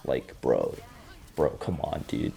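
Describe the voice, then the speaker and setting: A man voicing a desperate, guilt-ridden father who pleads slowly. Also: extremely low pitch, sing-song, gravelly, warm tone, slightly rough, voice pushed down, heavily acted. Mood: pleading.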